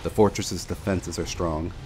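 A man delivering scripted video essay narration in a measured storytelling manner, with music behind him. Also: deep voice, fairly even intonation, noisy background.

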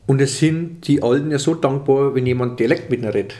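This older comedian, whose Franconian accent is clear, talks fast in a dark, mid-range voice during a casual interview. He's chatty, gestures while speaking, and frequently starts over, all captured on a table mic in a small office room.

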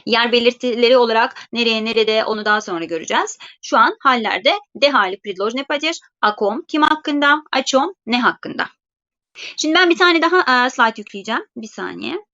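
A woman with a fairly high, bright, forceful voice gives a live online grammar lesson. She explains step by step and slows down carefully for each example phrase. The sound is dull and lo-fi, like audio from a video call. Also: lively intonation. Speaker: Russian language teacher.

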